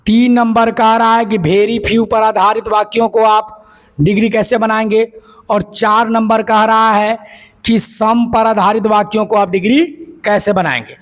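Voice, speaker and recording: A man's voice: sits high, flat delivery, a little slow. A man teaching English grammar as a lecture, explaining step by step and asking and answering his own questions. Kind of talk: classroom lecture.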